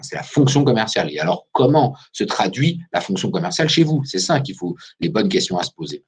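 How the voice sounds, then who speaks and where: A recruiter delivers an energetic business webinar over a video call microphone, addressing questions right to the people watching. He talks a little fast in a lowish, husky voice with big swings in pitch.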